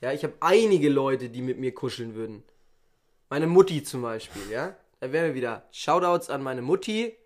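A man's voice: mid-range voice, lively intonation, normal speed. A young man co-hosting a casual podcast, talking in a rambling, playfully mock-offended way. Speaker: podcast co-host. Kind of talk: casual chat.

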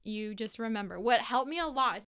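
A young American woman with a bright, smooth voice on the higher side. She talks casually and emphatically, like a solo host telling stories. She swears freely as she chats. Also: animated, moderate pace. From United States. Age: young adult. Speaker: podcast host.

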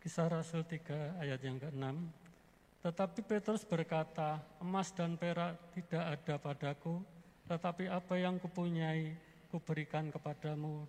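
A man reads scripture aloud in a steady, measured way. His voice sits fairly high and carries a long hall reverb. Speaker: scripture reader.

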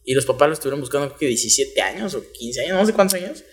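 A man's voice: mid-range voice, animated, very fast, background noise. A young man with a Mexican accent co-hosting a casual chat, full of slang and swearing, often laughing. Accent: Mexican Spanish. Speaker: podcast co-host.

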